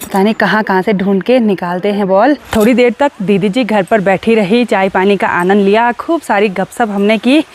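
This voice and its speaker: A woman's voice: mid-range voice, normal speed, hardly any pauses, slight background noise. A young woman from Uttarakhand, chatting cheerfully as she vlogs outdoors around her hill village on a phone camera. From Uttarakhand, India. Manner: chatty and cheerful, teasing with neighbours. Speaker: vlogger. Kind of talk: casual vlog narration and chat.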